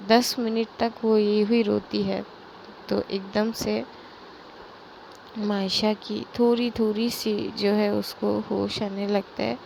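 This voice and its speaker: A woman's voice: mid-range voice, little pitch movement, creaky, darkish tone, slight background noise, rough recording. A young woman narrating a romance story in a casual, unscripted way. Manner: slow, unscripted, with fillers and restarts.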